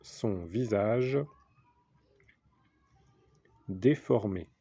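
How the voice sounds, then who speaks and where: A man is dictating like a schoolteacher, in a fairly low, slightly husky voice. He goes extremely slowly, phrase by phrase, repeating each piece and naming the punctuation. The recording is dull and lo-fi. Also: mellow, no echo. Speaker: teacher giving a dictation. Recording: dull lo-fi sound.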